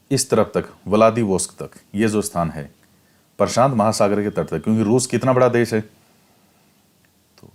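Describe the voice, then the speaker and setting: A male teacher talks through a textbook chapter at a measured, even pace. He reads a line, then explains it again in plainer words and repeats key points so students can remember them. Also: lowish voice. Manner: explains step by step, repeats key facts for exam prep. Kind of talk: classroom lecture reading and explaining a textbook.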